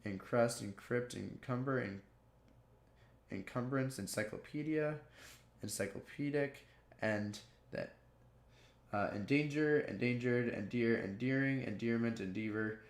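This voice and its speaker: Working through a dictionary entry by entry, a male video creator reads aloud, frequently tripping over words and restarting. His voice is mid-range, gravelly and a little slow, recorded in an echoey room.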